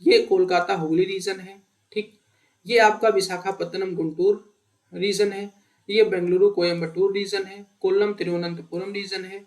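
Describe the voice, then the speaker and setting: A man with a high voice walks students through an exam-prep lesson. He asks his own questions and answers them in a chatty, conversational way. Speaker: teacher. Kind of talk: explanatory exam-prep lecture.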